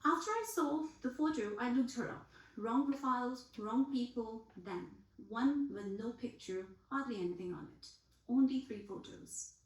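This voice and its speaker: A woman reads literary prose in a measured, reflective tone. Her voice sits a little high, and the room around her is echoey. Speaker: author. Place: festival venue.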